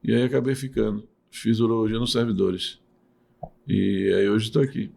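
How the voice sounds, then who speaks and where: Gravelly-voiced man explaining patiently. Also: fairly low pitch, moderate pace, a little mellow. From Salvador, Bahia, Brazil. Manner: explanatory, hesitant restarts. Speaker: urologist and professor, guest. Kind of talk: podcast interview.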